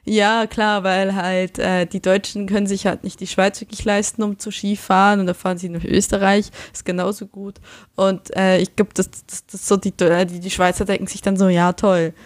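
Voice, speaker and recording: A woman's voice: mid-range voice, level tone, normal speed, no room sound. A young woman, chatting as a guest and animatedly acting out the people she quotes. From Switzerland. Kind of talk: casual conversation.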